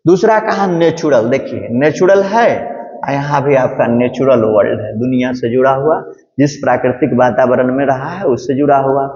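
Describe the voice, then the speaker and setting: A male teacher giving an exam-prep lecture, explaining step by step and reading English phrases slowly. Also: medium pitch, darkish tone. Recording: echoey room, dull lo-fi sound.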